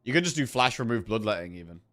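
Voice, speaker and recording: A game streamer with a sore throat gives casual gameplay commentary, thinking aloud through his choices while faint music plays behind him. His lowish voice is expressive, bright, and forceful, and he speaks quickly.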